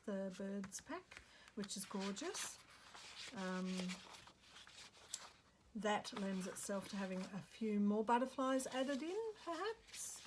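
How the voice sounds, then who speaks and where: An Australian woman talks her way through a craft session at home, slow and unhurried, thinking aloud and dropping into murmurs to herself. A clear hiss of background noise sits under her voice. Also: mid-range voice. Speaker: craft vlogger. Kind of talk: casual crafting chat.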